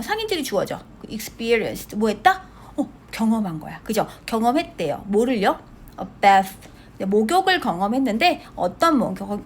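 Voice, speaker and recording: A woman's voice: on the high side, slight background noise. A woman teaching an English grammar lesson in a lecture style, asking the class questions and answering them herself, and checking for agreement after nearly every phrase.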